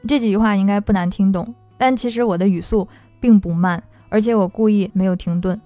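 A woman teacher explains how to practise listening in a patient, methodical way. Her voice is mellow and warm rather than bright, at an ordinary mid pitch. Soft music plays faintly behind her. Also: a little fast, dry recording. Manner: patient, explains with worked examples. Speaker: German language teacher.

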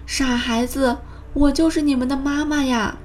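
A woman voicing a kind, patient mother frog in a soft, soothing way. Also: sits high, steady tone, moderate pace, a little hiss or hum, close to an everyday voice. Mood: tender.

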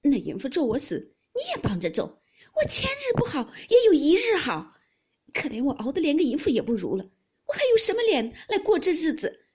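A woman's voice: high voice, wildly swooping pitch, brisk, a little mellow, voice pushed up. Woman voicing a proud, tearful young mistress. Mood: aggrieved. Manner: aggrieved, tearful outburst.

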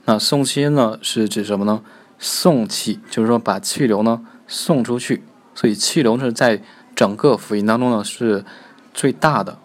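A man teaching a Korean pronunciation lesson. He explains quickly, then slows right down to repeat each model sound several times. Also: lowish voice.

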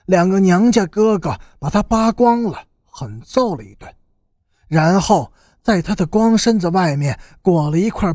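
Husky male audiobook narrator, lively swoopy delivery, dry close mic. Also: sits high, no room sound. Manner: expressive, lively storyteller. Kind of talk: storytelling narration.

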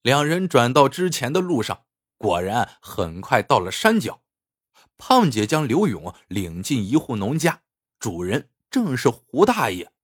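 A man narrating a scripted story in an expressive, animated way. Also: mid-range voice, breathy edge, no echo, studio quality.

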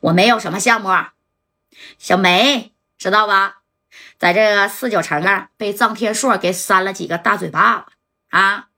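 A woman voicing a smooth-talking rich young man, who soothes people and boasts. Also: mid-range voice, bright, forceful tone. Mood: commanding. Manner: soothing, boastful, drawn-out phrases.

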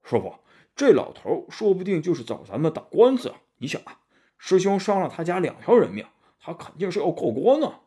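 A man's voice: high-pitched, sing-song, a little fast, warm tone, slightly rough, pitched above the performer's own voice, heavily acted. A man voicing a lazy, meddling pig disciple who talks in a gossipy, sly way.

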